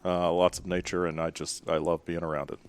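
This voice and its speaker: A man from Memphis, Tennessee, speaking as an interview guest in a measured, thoughtful way. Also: sits low, flat delivery, clean tone. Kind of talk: professional interview talk.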